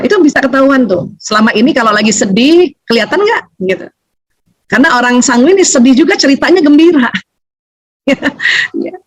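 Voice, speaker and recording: Animated woman seminar speaker, high voice. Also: no echo, low-quality recording. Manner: animated, laughing often, acting out quoted voices. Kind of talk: lively seminar talk to an audience.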